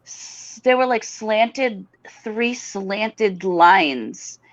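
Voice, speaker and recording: A woman co-hosting a talk show, telling a story in a halting way with many fillers and restarts. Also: medium pitch, animated, no echo, muffled recording. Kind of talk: casual talk show chat.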